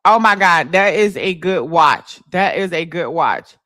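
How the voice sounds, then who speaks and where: A woman hosting a livestream, telling stories in a loud, laughing, profane way. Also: fairly low pitch, expressive, unhurried, dry recording, studio quality. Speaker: livestream host. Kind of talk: casual livestream chat.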